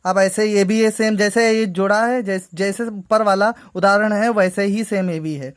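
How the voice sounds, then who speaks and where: A woman explains a grammar lesson to students, step by step. She talks patiently at a medium pitch, stops often to check they have understood, and repeats each point. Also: fairly even intonation, normal speed. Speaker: teacher.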